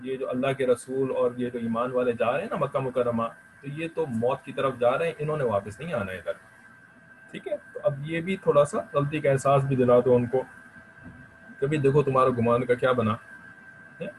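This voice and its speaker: A man teaching an online class on the translation of Quran verses. He recites the Arabic slowly and then explains each phrase in plain Hindustani, checking in with "theek hai" between points. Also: mid-range voice, slight background noise, poor audio.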